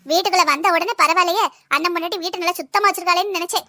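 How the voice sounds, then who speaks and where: Woman voicing a bossy sister-in-law, cartoon; very high, bright, quick, preachy scolding. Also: no echo, studio quality, heavily acted. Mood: huffy. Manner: lecturing, sharp-tongued, preachy. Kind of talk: cartoon voice acting.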